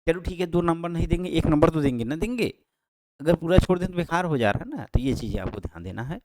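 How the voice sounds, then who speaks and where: A male teacher talking students through exam answers, explaining patiently and repeating key points, with frequent pauses and self-corrections. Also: a little high, animated, a little mellow, no room sound. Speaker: Sanskrit teacher. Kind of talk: exam-prep lesson. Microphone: handheld microphone held close.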